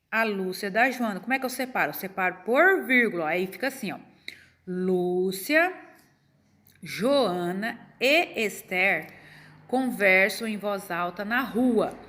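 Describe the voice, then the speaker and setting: A middle-aged Brazilian woman with a Brazilian Portuguese accent teaches a class of children in a somewhat bright voice on the high side. She encourages the kids and poses questions that she then answers herself.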